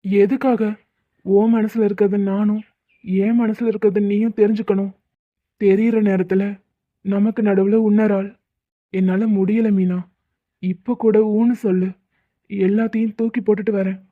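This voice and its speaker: A woman's voice: mid-range voice, level tone, normal speed, pauses often, dry recording, close to an everyday voice. A woman voicing a heartbroken young man in a cartoon drama, talking in a pleading, emotional way. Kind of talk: cartoon voice acting. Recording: dry, phone-like lo-fi.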